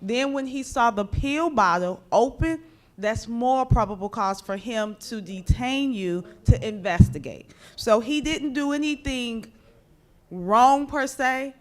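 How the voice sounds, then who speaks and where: A woman's voice: a little high, takes it slowly. A woman judge and former public defender, explaining traffic law to a community audience in a plain, direct way. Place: community meeting room.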